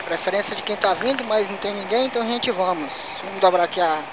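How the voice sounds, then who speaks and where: A man's voice: sits high, fast, lo-fi sound. Brazilian guy from manaus talking slangy while riding his bike, helmet mic, lots of wind and engine noise. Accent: Manaus Brazilian Portuguese. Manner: chatty, slangy, chuckles to himself. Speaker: motovlogger. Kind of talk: casual riding commentary. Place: riding a motorcycle on city roads outdoors. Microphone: helmet or bike camera mic.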